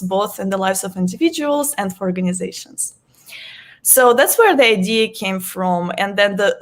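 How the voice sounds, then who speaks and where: Interview guest: woman, 30s, earnest and explanatory, laughs lightly. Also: mid-range voice. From Russia. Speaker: guest, workplace psychologist. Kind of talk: online interview.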